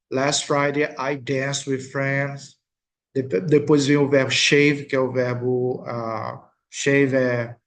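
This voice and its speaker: Brazilian man, English teacher, patient slide-lesson voice-over, mid pitch, frequent check-ins. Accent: Brazilian Portuguese. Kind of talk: recorded video lesson.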